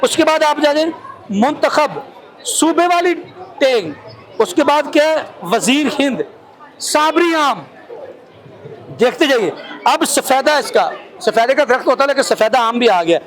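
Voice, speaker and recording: A man's voice: very high voice, lively intonation, unhurried, pauses often, fairly bright tone, rough recording. A male field reporter with a Pakistani Urdu accent gives a walking tour of an exhibition, listing items one by one with many fillers, speaking into a handheld mic. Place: crowded indoor exhibition hall. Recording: crowd chatter behind.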